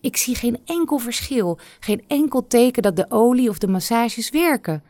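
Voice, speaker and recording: A woman's voice: a little high, expressive, moderate pace, warm tone, dry recording, pitched above the performer's own voice, close to an everyday voice. A woman voicing an anxious young princess from a fairy tale, asking worried, pleading questions.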